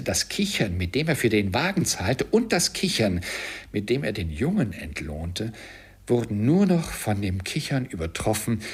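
Male audiobook narrator, lowish and husky, dramatic and lively, drops to whispers. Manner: dramatic reading, sometimes dropping to a whisper. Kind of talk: expressive storybook narration.

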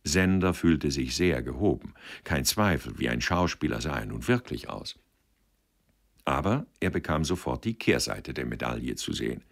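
A man reading a novel aloud on the radio in an expressive storytelling manner. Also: extremely low pitch, moderate pace, vocal fry. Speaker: reader.

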